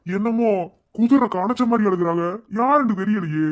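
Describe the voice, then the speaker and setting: A man voicing a blunt, sarcastic village police inspector with a Madurai Tamil accent and a gruff, scolding way of talking. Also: high-pitched, moderate pace, lo-fi sound, close to an everyday voice. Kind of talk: cartoon voice acting.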